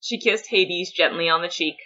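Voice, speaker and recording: A woman storyteller narrating a dramatic story reading in an expressive, lilting way. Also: on the low side, normal speed, muffled recording.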